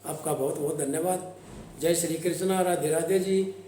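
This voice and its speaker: A man telling a devotional story to his channel's viewers, reciting verses slowly and then explaining them. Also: a little high, steady tone, warm tone, slight background noise. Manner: slow, recitative when quoting verses. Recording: echoey room.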